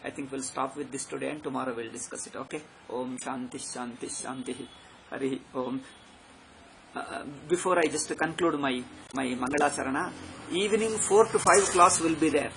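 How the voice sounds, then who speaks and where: Over background noise, a fast-talking man with a South Indian accent gives an improvised spiritual sermon, exhorting emphatically and repeating points with quick tag questions. His voice is fairly high with noticeable vocal fry.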